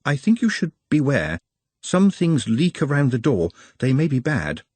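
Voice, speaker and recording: A man's voice: mid-range voice, very animated, unhurried, a little mellow, slightly rough, no room sound, pitched above the performer's own voice. A man voicing a polite, anxious young male goblin who speaks formally and stutters slightly. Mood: earnest, worried.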